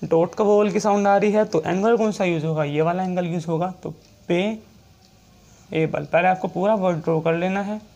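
A man teaching shorthand in a classroom-style lecture, repeating each point and checking in often, and reading English rule text out slowly. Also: high-pitched, fairly even intonation, a little mellow, lo-fi sound.

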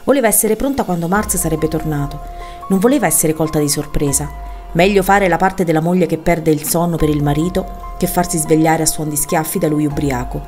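Lower-voiced woman reading a novel aloud. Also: faint music behind. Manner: measured, expressive reading. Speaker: audiobook reader. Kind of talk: literary audiobook narration.

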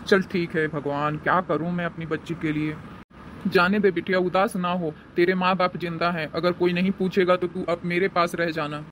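Cartoon mom, voiced by a woman, lowish voice, worried and indignant, faint noise behind. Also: flat delivery, normal speed, close to an everyday voice. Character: caring middle-aged mother, protective.

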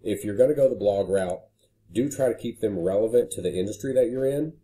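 A man's voice: on the low side, fairly quick, dark tone. A man casually walking through a screen recording as a marketing consultant, talking with frequent "you know" fillers. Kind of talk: screen-share walkthrough.

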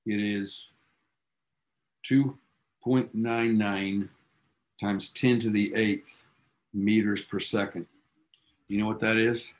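A man's voice: on the low side, level tone, slow pace, pauses often. A man teaching a physics class, telling the story behind the science in an enthusiastic, casual, storytelling way with offhand asides to his students. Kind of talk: classroom lecture.

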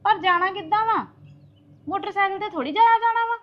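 An actress playing a reluctant young wife who makes excuses. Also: female voice, very high-pitched, brisk, muffled recording.

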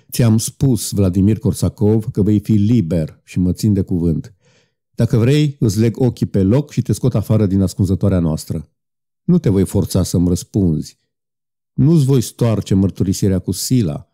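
A man voicing a solemn, patient outlaw leader who speaks calmly and persuasively in an audiobook. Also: on the low side, close to an everyday voice. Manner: calm, gentle, persuasive.

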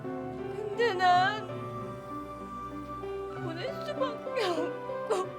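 A woman's voice: very high-pitched, very slow, full character voice. An actress playing a drunk, lovelorn young woman in a romantic comedy film, weepy and silly, slurring and rambling. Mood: weepy, heartbroken. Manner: rambling, whiny, dragging out words. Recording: film scene with music and rain behind.

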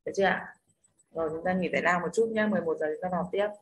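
A woman's voice: fairly low pitch, rapid-fire. Woman teacher explaining step by step. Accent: Northern Vietnamese. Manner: explains step by step, keeps checking with "đúng không?". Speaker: English teacher. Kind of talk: online class teaching.

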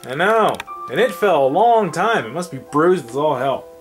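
A man's voice: a little high, sing-song, normal speed, soft background music. A tired young man hosting a casual let's play, rambling and trailing off with fillers as he comments on the game.

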